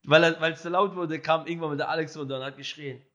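A young man with a high, bright, forceful voice tells a story at full tilt. He laughs often and slips into impressions of other people along the way. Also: steady tone, fast talker. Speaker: podcast guest telling a story.

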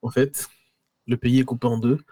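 A man's voice: mid-range voice, little pitch movement, normal speed, dark tone, no room sound. A man from Côte d'Ivoire, a podcast guest, explaining in an easygoing way with many fillers. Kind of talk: casual interview.

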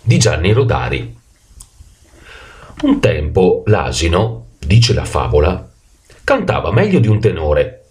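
A man reading a short fable aloud in an expressive, playful storytelling manner. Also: low-pitched, slow, long pauses. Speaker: narrator.

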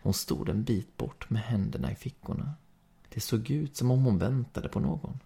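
A man with a Swedish accent reading a story aloud in calm, steady first-person narration. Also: medium pitch, vocal fry, breathy edge. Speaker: podcast reader.

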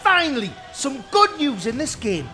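A man's voice: very high-pitched, huge pitch swings, moderate pace, pushed and bright, soft background music. A man in his thirties, complaining and grumbling as a player in a tabletop game. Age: 30s.

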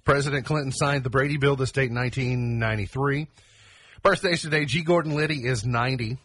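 Male radio co-host, husky, casual banter. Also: mid-range voice, fairly quick, a bit bright, no echo. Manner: reads almanac items, then riffs. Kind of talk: casual morning radio chat.

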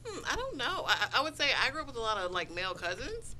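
Woman guest on podcast, lively bright voice, teasing, faint noise. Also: fairly high pitch, fast. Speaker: guest therapist. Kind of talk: casual chat.

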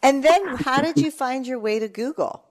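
A woman's voice: sits high, moderate pace. A woman co-hosting a podcast interview, prompting the guest with follow-up questions. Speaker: podcast co-host.

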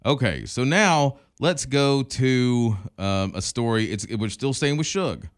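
A man co-hosting a sports history podcast, talking in a quick, rambling way with many fillers and restarts. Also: mid-range voice, expressive, clear, resonant tone. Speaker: podcast co-host. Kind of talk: casual sports history chat.

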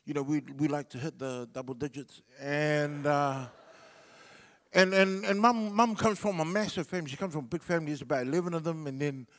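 A middle-aged New Zealand comedian whose first language is Samoan tells a rambling stand-up story packed with fillers. His voice is fairly high, a bit bright and fairly quick, and his laid-back delivery carries a long reverb tail.

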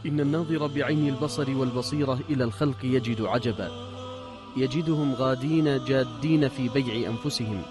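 A man with a mid-pitched voice delivers a sermon in a measured, earnest way. He exhorts his listeners steadily, with faint music underneath. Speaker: preacher.

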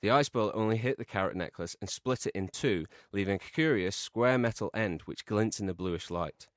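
A man with a fairly low voice reads a long comic film pitch aloud, steady and deadpan. The recording is close and dry, with no room sound. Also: fairly quick, no echo. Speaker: podcast co-host.

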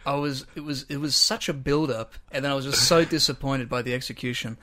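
A man's voice: mid-range voice, fairly even intonation, fairly quick, bright, forceful tone. A young man hosting a casual podcast, asking teasing questions and joking often. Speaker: podcast host.

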